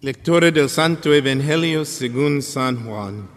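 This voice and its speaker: A male priest reads scripture solemnly at an unhurried pace. His phrasing is deliberate, with clear pauses, and his mid-pitched voice rings through a large, long-reverberating space. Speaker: priest reading the Gospel at Mass. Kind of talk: solemn liturgical scripture reading.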